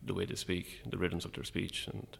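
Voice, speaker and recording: A man with an Irish midlands accent talking casually and a little hesitantly as an interview guest, in a low-key, wry way. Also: level tone, moderate pace, vocal fry, breathy edge. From Longford, Irish midlands.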